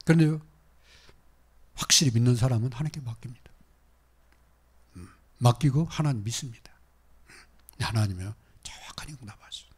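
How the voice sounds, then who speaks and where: A male pastor delivers a sermon in a husky, slightly breathy voice. He swings from loud exhortation to hushed, almost whispered asides. His tone stays earnest and direct with the congregation. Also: mid-range voice, fairly quick, long pauses.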